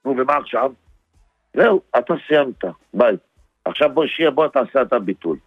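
A man's voice: medium pitch, lively intonation, husky, no room sound, phone-quality sound, faint music behind. A man performing a comic phone sketch on the radio, swerving animatedly between voices. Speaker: radio comedian.

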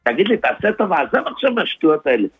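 A man's voice: fairly high pitch, big pitch swings, slightly rough, no room sound, phone-quality sound, faint music behind. A man performing a comic phone sketch on the radio, swerving animatedly between voices. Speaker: radio comedian.

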